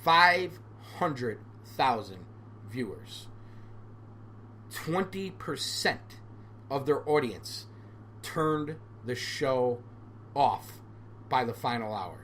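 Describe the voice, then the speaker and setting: Sarcastic man ranting, bright voice. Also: medium pitch, animated, very slow, long pauses, slight background noise. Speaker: podcast host. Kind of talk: solo opinion podcast.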